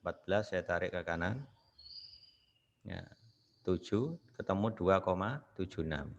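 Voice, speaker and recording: A very low-pitched male lecturer works through a statistics problem one step at a time. He keeps checking in with the class through short rhetorical questions. The recording sounds dull and lo-fi. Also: moderate pace, gravelly, a little hiss or hum. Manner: explains step by step with frequent rhetorical questions and "ya" tags.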